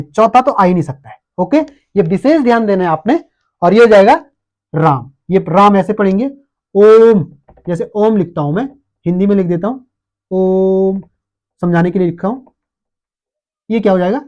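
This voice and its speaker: A man's voice: high-pitched, darkish tone. A man with an Uttarakhand Hindi accent teaches an exam-prep lesson and keeps answering his own questions.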